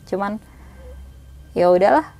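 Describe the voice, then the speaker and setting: A young woman casually telling a spooky story in slangy talk, sometimes hushed, sometimes animated. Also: medium pitch, unhurried, gravelly.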